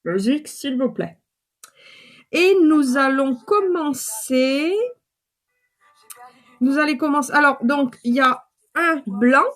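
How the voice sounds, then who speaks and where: A woman's voice: high voice, animated, slow pace, long pauses, a bit bright, soft background music. A woman in her fifties with a runny nose, chatting casually to viewers while doing her makeup live. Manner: chatty, rambling, talks straight to viewers.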